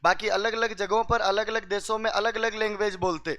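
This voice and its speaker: High-voiced man telling a classroom joke. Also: level tone, brisk, sharp tone. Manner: asks the class questions and repeats punchlines. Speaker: teacher telling jokes to students. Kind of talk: comic storytelling to a class.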